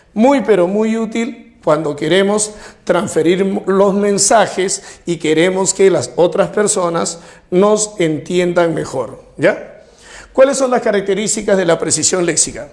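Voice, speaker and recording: High-voiced Peruvian teacher explaining patiently. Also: male voice, a little mellow. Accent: Peruvian Spanish. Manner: explains slowly with examples, checks understanding with tag questions. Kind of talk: recorded class lecture.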